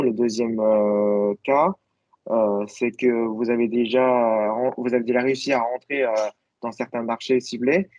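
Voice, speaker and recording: A man's voice: medium pitch, a little mellow, no room sound. A man, a native Chinese speaker, giving a webinar presentation over a video call and hesitating with many fillers. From China. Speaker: guest speaker, agency founder. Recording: dull lo-fi video call audio.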